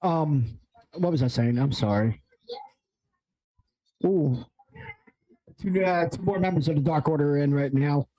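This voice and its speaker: Man, watch-along host, fairly high voice, excitable, rambling, self-correcting, caffeinated. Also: a little slow, long pauses, dull audio. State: amped on coffee. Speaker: stream host. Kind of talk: casual watch-along chat.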